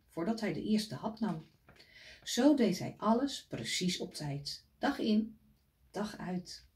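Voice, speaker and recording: A woman reading a picture book aloud to children, gently pointing out the pictures as she goes. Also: medium pitch.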